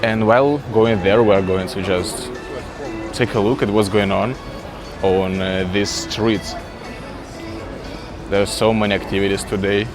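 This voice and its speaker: A Russian-speaking man hosts a casual walking vlog for English learners, strolling city streets and stepping into a small shop. His low voice is slow and fairly even, with music in the background. He's chatty and curious, exclaiming at things and using "like" constantly.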